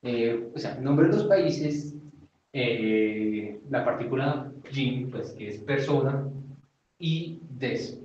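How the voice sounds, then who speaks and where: A man's voice: medium pitch, animated, a little mellow, slight background noise. A man from Colombia, giving an informal Japanese lesson and hesitating often with fillers. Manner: hesitant, many fillers, slow and deliberate. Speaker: Japanese teacher. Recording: far from the mic in an echoey, dull-sounding room.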